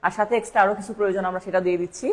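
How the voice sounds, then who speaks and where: Speaking very fast in a steady, medium-pitched voice, a woman teaches a live online English spelling lesson to help with exams. For every word, she repeats it several times and spells it out letter by letter.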